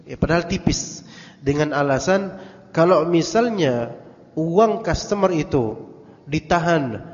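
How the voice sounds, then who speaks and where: A man's voice: on the high side, expressive, takes it slowly, long pauses, big-room sound, dull audio. A man with an Indonesian accent giving a conversational Islamic study lecture, telling stories with quoted dialogue and Arabic phrases. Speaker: religious teacher.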